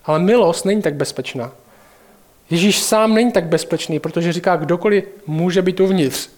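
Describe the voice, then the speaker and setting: A man's voice: sits high, a little mellow. A man preaching a sermon in a conversational way, addressing listeners directly.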